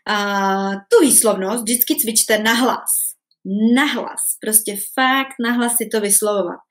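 A woman talks through a relaxed language lesson. She is chatty and informal, pauses on fillers and checks in with her listeners as she explains. Her pitch sits in an ordinary middle range. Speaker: language teacher. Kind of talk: casual spoken lesson.

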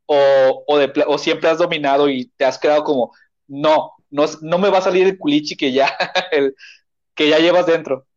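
Chatty host, muffled sound. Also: male voice, fairly high pitch, fairly even intonation, normal speed. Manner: talkative, rambling questions. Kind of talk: casual talk-show chat.

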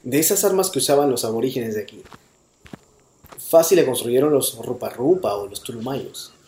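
A man exploring a cave, speaking excitedly, his voice echoing off the cave walls. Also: mid-range voice, moderate pace. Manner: excited, exclaiming. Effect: cave echo. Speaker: podcast host. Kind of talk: acted cave exploration skit. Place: inside a cave. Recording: echoey cave.

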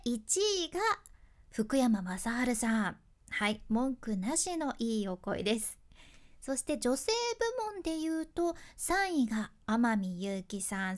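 Lively high-voiced woman with a Fukuoka accent. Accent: Fukuoka dialect. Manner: chatty and expressive, switching between polite and dialect speech. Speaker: voice and speaking coach. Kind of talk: casual speaking lesson.

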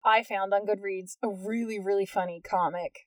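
A young adult woman co-hosting a podcast in casual chat. She reads reviews aloud in a lively, mocking tone and laughs often. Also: medium pitch, moderate pace, no echo, far from the mic. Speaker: podcast co-host.

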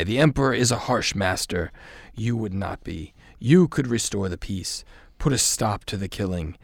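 A man reading a menacing, tempting dark lord in a script table read, slow and persuasive. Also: fairly low pitch, gravelly, no room sound.

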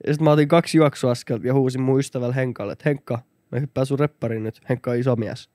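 A man's voice: medium pitch, steady tone, warm tone, no room sound, clean studio sound. A Finnish man co-hosting a podcast, chatting casually and telling a story with laughs and casual swearing. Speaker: podcast co-host. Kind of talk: casual chat.

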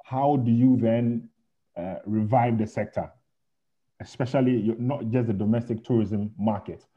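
A man moderating a town hall, relaying a question in an unscripted, halting way with repeated words and tentative phrasing. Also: medium pitch, steady tone. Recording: dull, lo-fi online call audio.

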